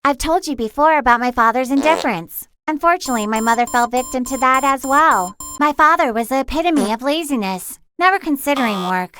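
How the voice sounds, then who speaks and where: A woman's voice: high-pitched, expressive, fairly quick, hardly any pauses, fairly bright tone. A young woman narrating her own life story in the first person, earnest and confessional. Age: young adult.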